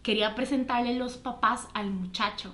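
A woman from Costa Rica with a Costa Rican accent, telling a story in animated, slangy casual chat. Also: fairly high pitch, normal speed, slight background noise. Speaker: podcast co-host. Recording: echoey room.

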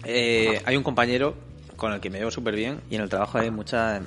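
A man's voice: fairly low pitch, fairly quick. Man telling crude work jokes. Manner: animated storyteller, crude jokes, laughs often. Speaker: podcast co-host. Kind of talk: casual chat.

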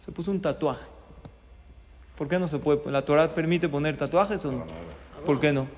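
A man's voice: on the high side, normal speed, a little hiss or hum. A middle-aged man, a rabbi, gives a sermon in a synagogue, telling a story with lots of rhetorical questions. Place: synagogue study hall. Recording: long reverb in a hall.

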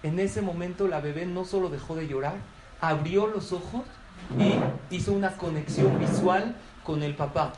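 High-voiced man lecturing a crowd. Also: moderate pace. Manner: humorous, asks the audience questions. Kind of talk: lecture to a live audience. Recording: echoey hall from far off, noisy.

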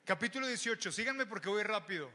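A young man with a Mexican accent preaching an animated, joking sermon to young people, often raising his voice. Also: high-pitched, fast. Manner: animated, joking, shouts to the crowd. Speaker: youth preacher. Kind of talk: lively sermon.

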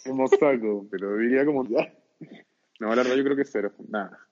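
This young man speaks casually with a Chilean Spanish accent, storytelling in slangy, talkative fashion at a brisk pace. His medium-pitched voice is a little mellow, heard over a tinny phone-like line.

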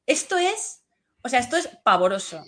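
A woman's voice: a little high, very animated, normal speed, sharp tone. A woman hosts an interview in a chatty, loose way, thinking aloud as she asks her questions. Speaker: interview host. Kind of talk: casual interview, live show.

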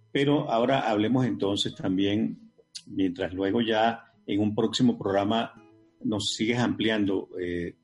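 A Venezuelan man hosting an interview and asking measured, courteous questions. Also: fairly low pitch, vocal fry, darkish tone. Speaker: host.

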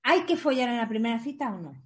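A woman's voice: fairly high pitch, animated, fast talker. A woman in her thirties co-hosting a casual chat, bawdy and joking, laughing often. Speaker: podcast co-host.

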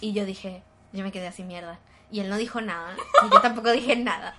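A woman's voice: medium pitch, quick pace, background noise. A woman, speaking bluntly and candidly in a casual chat.

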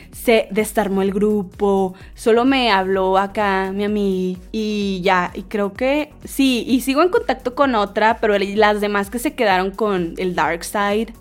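A young woman in her twenties with a Mexican accent, hosting a vlog in a casual, slangy, animated storytelling style. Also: mid-range voice. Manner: animated, slangy, acts out quotes in other voices. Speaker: vlogger host. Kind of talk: casual storytelling and chatty entertainment news.

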